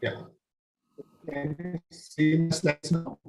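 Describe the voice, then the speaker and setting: A man's voice: a little high, flat delivery, darkish tone, faint music behind. Man on a choppy, unstable call. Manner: halting, with fillers and restarts. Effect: unstable internet call connection. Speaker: webinar presenter. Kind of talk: online medical lecture. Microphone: video call.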